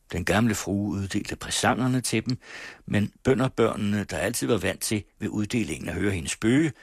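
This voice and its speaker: A man reading a classic story aloud in a measured, even way. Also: fairly low pitch, husky, dry recording, studio quality. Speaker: audiobook narrator. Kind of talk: scripted narration of a classic story.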